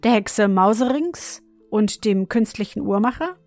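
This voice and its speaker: A woman voicing an odd old godfather and clockmaker, who chants a rasping, monotone clock song and speaks gruffly. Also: medium pitch, a little slow, no echo, soft background music. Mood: coaxing. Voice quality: rasping, monotone when singing.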